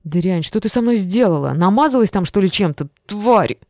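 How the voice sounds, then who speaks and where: Female reader doing a crude, gruff young farmhand for an audiobook, low-ish and mellow. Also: animated, moderate pace, dry recording, clean studio sound. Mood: yelling. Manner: blunt, coarse. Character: rude gruff young village man.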